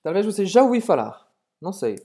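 A woman co-hosting a podcast language lesson. She says French words slowly and repeats them for listeners to copy. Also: mid-range voice, very animated, mellow. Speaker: co-host and French teacher.

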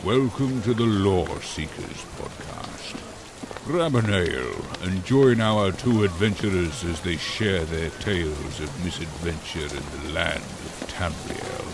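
A man playing a theatrical tavern greeter who welcomes adventurers in measured fantasy narration. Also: low voice, animated, exaggerated voice. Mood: welcoming. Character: slow, deep-voiced male tavern greeter welcoming adventurers. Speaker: podcast intro announcer. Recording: clear rainy ambient noise bed.

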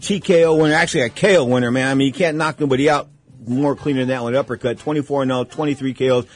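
A man's voice: mid-range voice, very fast. A man hosting sports talk radio in a slangy, emphatic showman's style from a studio. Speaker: radio talk show host.

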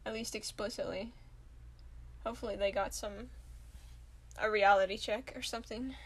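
A young woman co-hosting a podcast, chatting casually from a small closet with teasing, deadpan jokes and frequent giggles. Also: medium pitch, normal speed, slightly rough. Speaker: podcast co-host.

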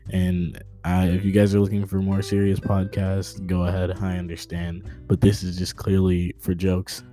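A man's voice: deep voice, completely flat delivery, moderate pace, mellow, faint music behind. A young man hosting his own podcast, talking off the cuff in a joking, rambling way and tripping over his words. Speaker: podcast host. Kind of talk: unscripted casual podcast update.

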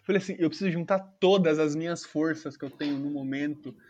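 A man's voice: fairly high pitch, quick pace, a little mellow, muffled recording. A man telling a funny personal story in casual, slangy chat, swearing freely and acting out the people in it. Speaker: podcast storyteller.

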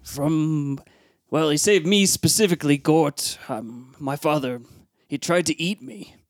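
A man voicing an earnest, loyal male goblin crewman who talks in plain, halting phrases. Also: on the high side, no room sound, clean studio sound. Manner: plain-spoken, halting, with fillers.

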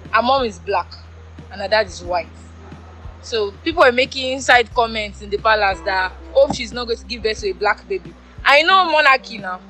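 A woman in casual podcast chat, loosely recounting a story and pausing to search for names. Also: fairly high pitch, a bit bright, poor audio.

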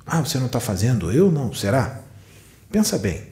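A man's voice: medium pitch, very animated, moderate pace, a little mellow. A man giving a channeled spiritual sermon, admonishing his listeners with rhetorical questions. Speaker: spiritual medium. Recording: echoey room.

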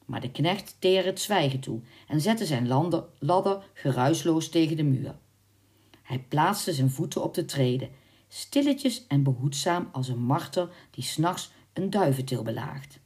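Brief: deep-toned female storyteller, measured and expressive. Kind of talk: storybook narration.

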